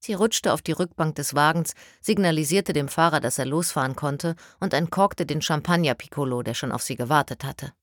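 Woman narrator, low voice, calm storytelling, dry close studio sound, audiobook reading. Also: brisk, few pauses, no echo.

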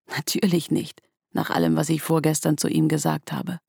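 Female audiobook narrator, hushed and tense, raspy low register, bone-dry close recording. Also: very animated, normal speed, dry recording. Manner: hushed, tense, dropping at times to a whisper. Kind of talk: first-person literary narration.

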